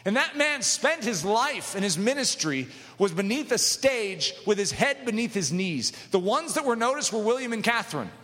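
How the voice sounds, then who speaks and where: A high, bright-voiced man preaches with fervor, his lively delivery leaping up into ringing exhortations and sinking into quiet, low asides. His voice rings out with a long reverb, as in a big hall. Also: moderate pace. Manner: swings from loud, high exhortation to low, hushed drops; asks the listeners direct questions. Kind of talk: impassioned sermon.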